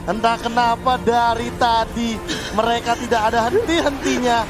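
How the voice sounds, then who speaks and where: A man gives conversational esports analysis from the commentary desk. His voice sits high for a man, and music is clearly audible behind him. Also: steady tone, normal speed, crowd noise.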